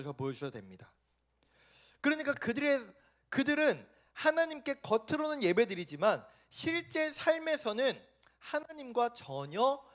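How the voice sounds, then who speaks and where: Male youth pastor, high voice, lively swings, sermon in a church, asks the room questions. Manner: animated, questioning the listeners, acting out quoted voices. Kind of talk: sermon to high school students. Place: church sanctuary.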